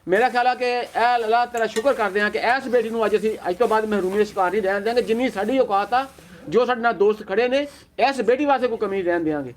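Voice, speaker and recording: A man's voice: high voice, quick pace, a little hiss or hum. A man from Pakistan on a charity visit who hands out aid and earnestly repeats his reassurances. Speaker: charity worker handing out aid. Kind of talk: on-site charity vlog talk.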